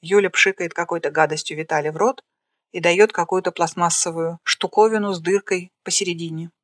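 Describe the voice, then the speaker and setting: A narrator reading the stage directions of a screenplay aloud in a plain, flat way. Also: medium pitch, brisk, no echo, clean studio sound.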